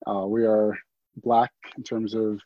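A man from Baltimore, a panel guest, reading scripture in a steady voice and then chatting casually. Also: lowish voice, measured pace, no room sound, highs cut off. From Baltimore, Maryland.

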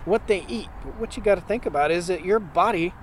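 A man's voice: high-pitched, brisk, a little hiss or hum. A man in his forties, a homesteading farmer, talking emphatically in a casual interview at an outdoor conference. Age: 40s. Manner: plainspoken, emphatic, with frequent restarts.

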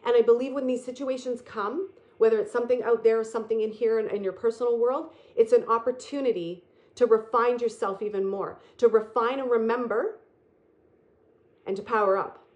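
A woman delivers a motivational spiritual talk. She speaks earnestly and repeats herself for effect, slowing right down on the phrases she wants to land. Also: on the high side, steady tone, a little mellow, muffled recording. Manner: earnest, repetitive, emphatic and slow on key phrases.

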